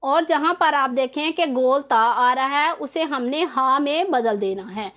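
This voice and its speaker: A woman's voice: sits high, a little slow, highs cut off. A woman teaching Quran recitation rules in an online tutorial, explaining patiently step by step and repeating each rule.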